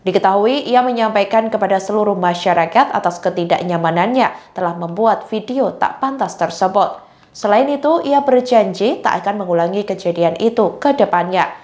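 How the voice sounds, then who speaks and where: Woman, news voice-over, formal and even, mid pitch. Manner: even, formal read-out delivery. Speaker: news narrator. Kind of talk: scripted news narration.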